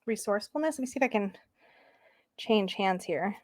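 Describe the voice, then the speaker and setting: A woman chatting casually as she flips through a tarot deck, gushing and excitable, sometimes dropping to soft murmurs. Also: medium pitch, moderate pace, no echo.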